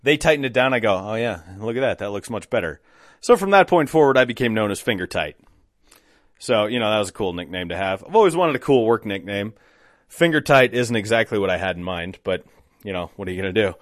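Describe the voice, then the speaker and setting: Male podcast host, dry booth sound, casual self-deprecating storyteller who does quick voices for others. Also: on the low side, no room sound. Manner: wry, self-deprecating, animated when quoting others.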